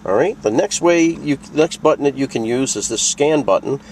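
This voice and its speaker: A man with a medium-pitched, creaky voice and a darkish tone walks through a product tutorial step by step at normal speed. His intonation is lively and his manner casual, plain-spoken, and conversational, with a little hiss or hum in the audio.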